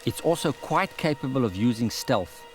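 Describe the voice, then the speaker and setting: Male documentary narrator, mid-pitched, measured scripted read over loud background music. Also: animated. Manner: measured, reflective first-person narration.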